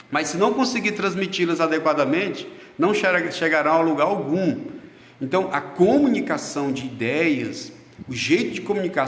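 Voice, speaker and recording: A man's voice: a little high, echoey room, in a large hall. A man giving a class lecture, explaining patiently, with fillers and restarts.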